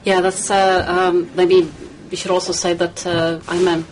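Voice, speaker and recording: A woman from the Czech Republic, a studio guest in a radio interview, talking in a measured, hesitant way with many fillers. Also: lowish voice, flat delivery, noisy background.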